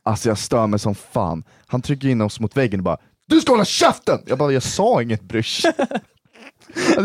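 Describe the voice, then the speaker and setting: A young man in casual chat, his pitch swinging widely as he tells a story. He laughs often and swears freely. The sound is dry and close. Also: a little mellow, no echo.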